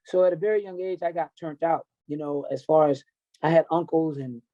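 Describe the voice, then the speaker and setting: A fairly high-pitched yet dark-toned voice belongs to an MMA coach in his fifties, an American raised in Tennessee and California. Appearing as a podcast guest, he tells his life story briskly, candidly, and bluntly, with unfiltered emphasis. The sound is lo-fi.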